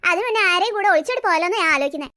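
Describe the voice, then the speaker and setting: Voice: extremely high pitch, animated, very fast, sharp tone, faint music behind, exaggerated voice. A voice actor playing a cheeky young schoolgirl in a cartoon who talks flippantly. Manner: flippant, chatty.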